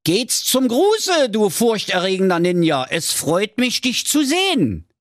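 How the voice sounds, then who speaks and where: A man's voice: sits high, huge pitch swings, measured pace, no room sound, clean studio sound, voice pushed up, full character voice. A man voicing a scrawny, smug young web designer, cheeky and know-it-all. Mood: cheerful.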